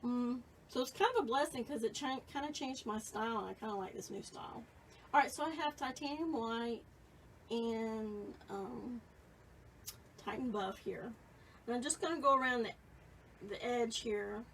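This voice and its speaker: A woman's voice: fairly high pitch, moderate pace, fairly bright tone, recorded from a distance, slight background noise, low-quality recording. A woman in her late fifties giving a casual, chatty painting lesson and reading viewer comments as she works. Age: 50s. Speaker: painting instructor. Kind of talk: live painting tutorial.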